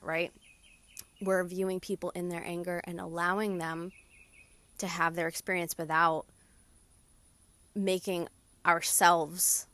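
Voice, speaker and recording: A young adult woman hosting a podcast, talking through a calm guided meditation in a soft, soothing, reassuring way. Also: fairly low pitch, no room sound. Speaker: podcast host.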